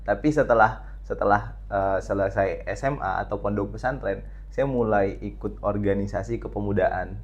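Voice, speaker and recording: A young man from Riau, a student leader and podcast guest, answering in a measured, thoughtful way with frequent filler pauses. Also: lowish voice, muffled recording. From Riau, Indonesia. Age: young adult. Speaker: student body president, guest. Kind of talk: casual podcast interview.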